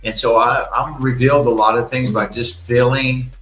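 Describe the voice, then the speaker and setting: A man's voice: mid-range voice, steady tone, normal speed, a bit bright, echoey room, rough recording. A man in his fifties hosting a casual conversation, talking earnestly in rambling sentences with many restarts. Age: 50s. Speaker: podcast host.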